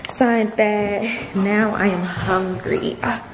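A woman's voice: mid-range voice, steady tone, slow pace, noisy background. A young woman in her twenties chatting casually to camera at home, full of fillers and calling her viewers "y'all". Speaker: lifestyle vlogger. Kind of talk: casual vlog chat to camera. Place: home bedroom and kitchen.

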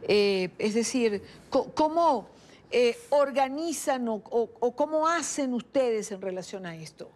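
A woman's voice: fairly high pitch, animated, measured pace, darkish tone. Hesitant woman interviewing on TV news. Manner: hesitant, many fillers and restarts. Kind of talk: live television interview.

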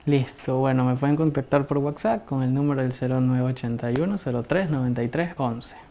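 A man, a psychologist guest giving measured, explanatory answers and often checking in with tag questions. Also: medium pitch, fairly even intonation, gravelly, warm tone.

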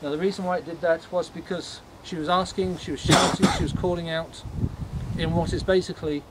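A man leading a ghost tour, explaining things informally to a group in a halting, matter-of-fact way. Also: fairly high pitch, fairly even intonation. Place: on a night walking tour, in the dark. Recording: noisy outdoor night recording.

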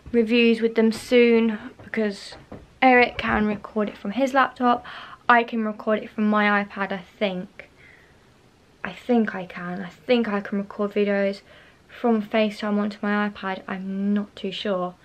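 A young woman vlogs casually from her bedroom at home, holding the camera close to her face as she rambles, repeats herself and occasionally drops to a whisper. Her medium-pitched voice is flat and unhurried.

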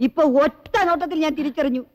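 An actress playing a bossy but doting elder aunt of a noble household in a comedy film. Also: female voice, high-pitched, racing, a little mellow, big-room sound, lightly acted. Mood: proudly moved. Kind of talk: film drama acting.

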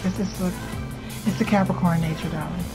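A middle-aged woman hosting a craft vlog, speaking in a theatrical, gushing way with drawn-out emphasized words. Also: lowish voice, fairly even intonation, rough recording. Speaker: craft channel host, doll artist. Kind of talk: vlog and DIY tutorial. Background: music.

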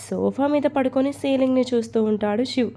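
A woman storyteller reading a romantic serial story in a steady, expressive scripted narration. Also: sits high, brisk.

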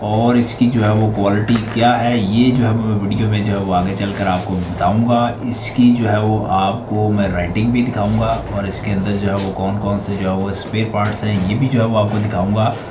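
A man's voice: lowish voice, normal speed, hardly any pauses. A Pakistani man in his forties with an Urdu accent, hosting a product review vlog in a small room. He talks eagerly and keeps reaching for the same filler phrase. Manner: leans constantly on the filler "jo hai vo"; upbeat and eager when praising the product. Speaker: host, stationery product reviewer. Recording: steady background noise, slightly dull.

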